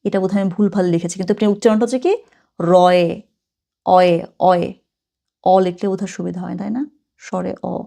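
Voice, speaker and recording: A woman's voice: medium pitch, vocal fry, warm tone. Chatty woman teaching German in Bengali. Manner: casual, chatty, mixes languages, reads German slowly and carefully. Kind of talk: online language lesson.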